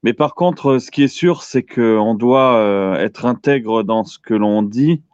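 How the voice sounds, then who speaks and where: A man's voice: mid-range voice, measured pace, darkish tone, clear, resonant tone, no room sound. A man in his thirties chatting casually as a radio show caller, often searching for his words. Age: 30s. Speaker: caller on an open-line internet radio show. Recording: dull lo-fi call audio.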